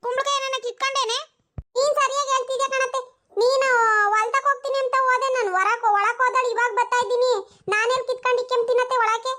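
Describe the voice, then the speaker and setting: Cartoon young village wife, voiced by a performer, sassy, talks back, squeaky high voice. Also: flat delivery, fast, pushed and bright. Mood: protesting. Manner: cheeky and dismissive. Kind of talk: cartoon voice acting.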